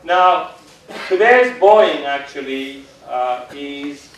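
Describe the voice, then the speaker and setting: A man's voice: fairly high pitch, drawn-out words, far from the mic. Man lecturing in an echoey hall. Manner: relaxed, many "uh" fillers. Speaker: guest lecturer. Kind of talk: public lecture.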